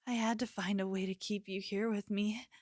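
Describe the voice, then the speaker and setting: A woman plays an obsessive, possessive young yandere in an ASMR roleplay, speaking intimately and coaxingly like a lover with menace underneath, sweetly menacing. Her medium-pitched voice is a little mellow and close to an everyday voice, with fairly even intonation and a moderate pace. The clean studio sound has no room sound.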